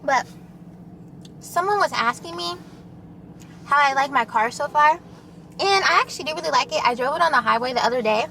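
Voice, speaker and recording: A woman's voice: high-pitched, animated, brisk, gravelly, pauses often, pushed and bright, slight background noise. A young woman chatting casually with the camera while eating, chatty and loose, full of fillers. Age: young adult. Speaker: vlogger. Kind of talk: casual mukbang chat.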